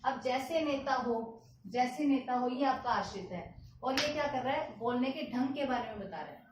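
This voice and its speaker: A woman's voice: high-pitched, expressive, moderate pace, noisy background. A woman teaching a grammar lesson, explaining step by step, repeating examples and answering her own questions. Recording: echoey room, distant mic.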